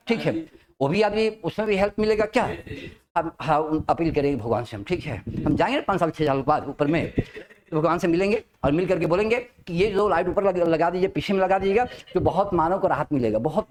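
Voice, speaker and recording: A man teaching spoken English to a class, mixing Hindi and English, stretching out key English phrases slowly and often asking whether his students understand. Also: high-pitched. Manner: lively, drawn-out emphatic English phrases, checks understanding often.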